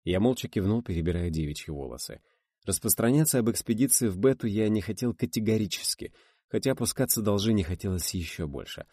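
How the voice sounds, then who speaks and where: Give me a deep male audiobook narrator with a dry, close sound. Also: expressive, fast talker, mellow, husky, no room sound. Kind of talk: first-person audiobook narration.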